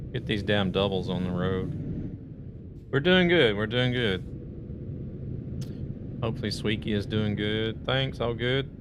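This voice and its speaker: Playing a truck game on a live stream, a man with a lowish, gravelly voice rambles casually and says hello to viewers. There's noise in the background.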